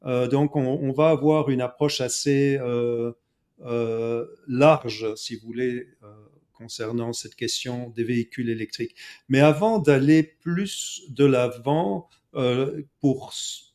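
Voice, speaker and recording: A Belgian-born man hosting an interview, speaking in a measured way with frequent fillers. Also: mid-range voice, a little mellow. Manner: measured, frequent "euh" and "donc". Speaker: host. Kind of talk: conversational interview.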